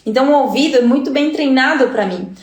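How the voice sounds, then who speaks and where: A Uruguayan-accented woman with a high voice teaches Spanish in a chatty live-stream lesson. She keeps checking in with her listeners as she goes. Her voice bounces around a roomy, echoing space. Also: fast, a little mellow.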